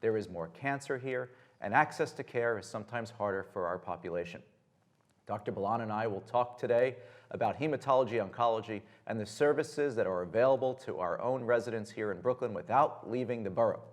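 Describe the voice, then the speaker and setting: A man hosting a public television health interview, opening his lines with energetic emphasis. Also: lowish voice, fairly quick. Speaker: host.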